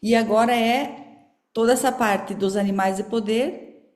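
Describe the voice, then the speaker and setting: A woman's voice: on the high side, steady tone, unhurried, a little mellow. Brazilian woman teacher, casual chatty delivery, online class, roomy echo. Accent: Brazilian Portuguese. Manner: casual, chatty, with many fillers. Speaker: course teacher.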